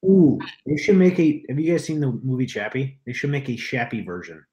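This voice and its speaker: Co-host, from Minnesota, mid pitch, offbeat quips, casual stream chat. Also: big pitch swings, a little fast, mellow, muffled recording.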